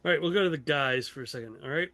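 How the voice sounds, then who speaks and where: Brief: male game master, a bit high, loose rambling narration, dry close mic. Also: very fast, pushed and bright, no room sound, faint music behind.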